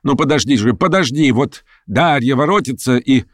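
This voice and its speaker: A man voicing a hot-tempered, imperious older noblewoman who scolds and commands in shrill outbursts. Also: big pitch swings, unhurried, no room sound, studio quality. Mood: coaxing.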